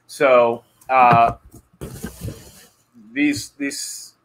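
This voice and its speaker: A man's voice: medium pitch, level tone, very slow, background noise. A man in his thirties hosting a casual live-stream auction, chatty and hyping the bids, repeating numbers as he goes. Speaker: live-stream host auctioning storage-unit finds. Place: small indoor room with a wall of hats behind.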